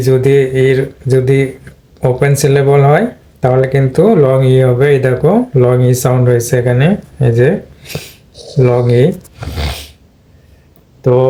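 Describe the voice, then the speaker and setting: A man with a Bangladeshi accent teaching English pronunciation at an unhurried pace. His voice is mellow and dark, and he keeps the pitch level. He repeats and stretches each example word as he explains it. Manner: slow and repetitive, drawing out the words he demonstrates. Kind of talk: slow, deliberate explanatory lesson.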